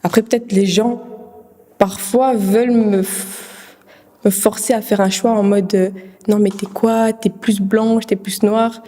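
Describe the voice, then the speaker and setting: A young woman speaking calmly and a little amused in an interview. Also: mid-range voice, unhurried, long reverb tail.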